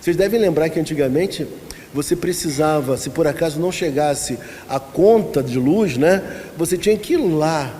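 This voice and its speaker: A man's voice: fairly high pitch, moderate pace, dark tone. A man with a Brazilian accent, a pastor giving a conversational Bible-study lesson, asking the congregation questions and telling anecdotes. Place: church hall. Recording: reverberant church hall with faint noise.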